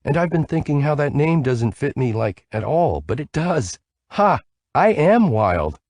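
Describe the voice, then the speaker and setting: A man's voice: medium pitch, expressive, moderate pace, warm tone, dry recording, pitched above the performer's own voice. A man reading an audiobook, voicing a sleepy, bubbly young woman who rambles playfully on the phone.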